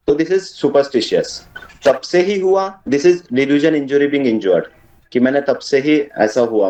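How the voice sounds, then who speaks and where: A man's voice: mid-range voice, mellow, muffled recording. A man leading a homeopathy study discussion, explaining with everyday examples and mixing in English terms. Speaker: homeopathy group study leader. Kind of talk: casual teaching discussion. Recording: echoey room, distant mic.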